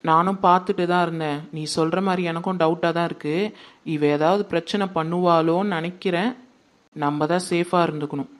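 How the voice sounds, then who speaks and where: A woman puts on a scheming young man in a family drama, dropping her voice far down into a low murmur. He talks quietly and conspiratorially, always watchful. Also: fairly even intonation, fairly quick, lightly acted. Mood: suspicious.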